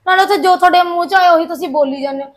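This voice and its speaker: A woman's voice: very high voice, very fast. A woman playing a caring, reassuring sister-in-law in a Punjabi drama. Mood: reproachful. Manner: soothing, reassuring.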